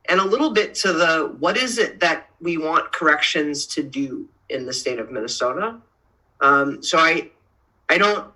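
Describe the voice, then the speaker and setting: A woman's voice: low voice, bright, forceful tone, poor audio. A woman speaking at a public policy council meeting, pressing her questions and repeating key phrases for emphasis. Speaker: council member.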